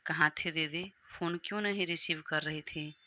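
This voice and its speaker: A woman's voice: low voice, fairly even intonation, normal speed, sharp tone, no room sound. A woman voicing a cheerful teenage younger brother who cheers up his older sister in an audio story. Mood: concerned, cheery. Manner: eager, comforting.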